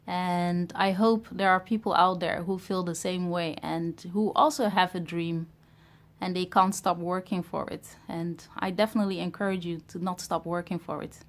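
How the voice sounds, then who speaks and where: With a lowish, steady voice, a woman in her thirties from Ghana who grew up in Europe talks to camera in a personal vlog. She reflects on starting a business hesitantly, with lots of pauses and fillers.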